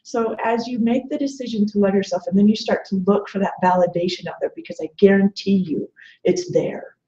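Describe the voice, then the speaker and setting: A woman in her late 40s is a webinar guest, coaching in a conversational, motivational style and earnestly illustrating her points with quoted remarks. Her warm, mid-range voice is fairly even in intonation and a little fast, and the webinar audio is muffled and echoey.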